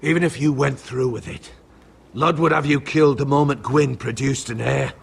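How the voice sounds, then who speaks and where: An actor playing a cautious, hard-headed advisor to a noble house in a dramatic video game, serious and measured. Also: male voice, medium pitch, fairly even intonation, vocal fry, slightly rough. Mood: grim counsel.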